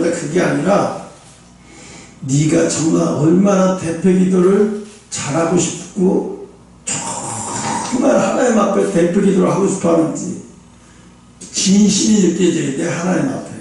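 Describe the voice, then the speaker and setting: A man, a pastor, preaching a sermon to his congregation in animated bursts, swinging from loud outcries to low asides and asking the listeners question after question. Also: gravelly. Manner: speaks directly to the congregation with rhetorical questions. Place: church sanctuary. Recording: echoey church hall, mic at a distance.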